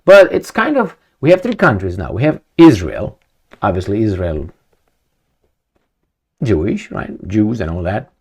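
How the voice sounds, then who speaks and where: A man's voice: fairly low pitch, sing-song, unhurried, gravelly, long pauses, a little mellow, husky. A man from Romania, giving a rambling opinion monologue to camera, full of rhetorical questions and repetition. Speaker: video commentator.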